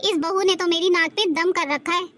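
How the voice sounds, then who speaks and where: A woman's voice: extremely high pitch, steady tone, moderate pace, fairly bright tone. A young woman playing a bossy middle-aged mother-in-law who chides her daughter-in-law in a family drama skit. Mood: scolding. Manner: bossy, chiding.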